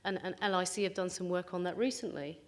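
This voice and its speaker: A woman's voice: fairly low pitch, steady tone, quick pace. A middle-aged woman giving an informal scientific conference talk in a conversational, enthusiastic way. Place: indoor conference venue.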